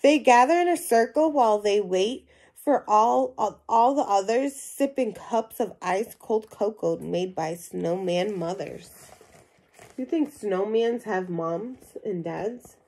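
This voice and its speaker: In a small room at home, a young woman reads a children's picture book aloud, slipping in simple questions and asides for young listeners. Her medium-pitched voice is animated, slow, and a little mellow.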